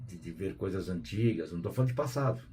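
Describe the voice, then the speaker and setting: In a low-pitched, slightly rough voice and at a quick pace, a Brazilian Portuguese-accented man hosts a spiritual program. The talk is easygoing and conversational, full of tag questions and quiet asides.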